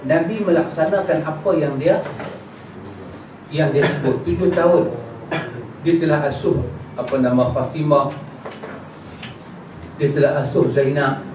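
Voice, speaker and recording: A man giving a religious lesson in a prayer hall and answering questions, acting out little dialogues in a casual, lively way. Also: on the high side, unhurried, long pauses. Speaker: religious teacher. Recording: echoey hall, distant mic, dull, noisy.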